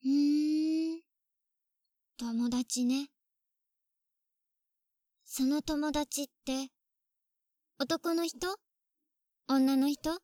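A woman's voice: sits high, steady tone, extremely slow, pauses often, warm tone, dry recording, studio quality. A woman voicing a clingy, possessive younger sister on a phone call, sweet at first and coldly jealous underneath. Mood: menacing. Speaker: voice actress in phone-call role-play. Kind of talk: phone-call role-play drama.

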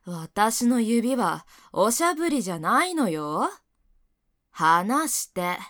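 A bossy but doting older coworker, played by a woman, who scolds her junior and then turns soft and teasing. Her voice sits somewhat high and swings widely in pitch. She speaks slowly into a dry, close mic in a second-person audio role-play. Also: sing-song, no echo, heavily acted. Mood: scolding. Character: bossy yet doting older female coworker, young adult. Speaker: senior colleague.

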